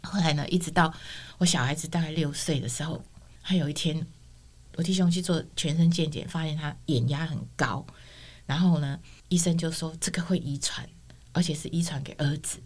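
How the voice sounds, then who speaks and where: A middle-aged woman with a low voice speaks a little fast as a guest sharing her personal testimony. She's an expressive storyteller who acts out the dialogue she quotes.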